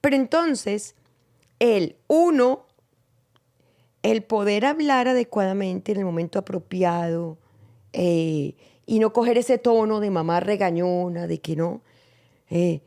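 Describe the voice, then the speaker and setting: A woman hosting a faith-based conversation, telling stories in an animated way and acting out the dialogue she quotes. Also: medium pitch, slow, pauses often. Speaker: podcast host.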